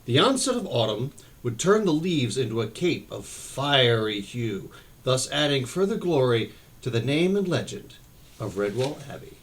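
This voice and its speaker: Expressive man reading a storybook. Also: mid-range voice, normal speed. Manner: expressive, occasional slips and restarts. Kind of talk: reading a book aloud.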